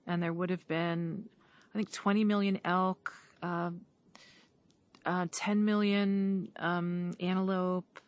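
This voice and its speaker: A woman's voice: on the low side, flat delivery, slow, muffled recording. A woman talking in an enthusiastic, rambling way, full of "like", in a casual outdoor conversation in the woods. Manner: enthusiastic, rambling, heavy use of "like". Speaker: guest on a podcast. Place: outdoors in woodland.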